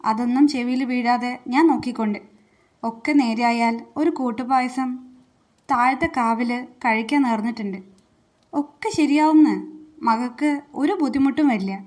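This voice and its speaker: A woman voicing an older aunt who worries and scolds, talking in a grumbling, sharp way. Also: a little high, normal speed, natural voice. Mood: earnest.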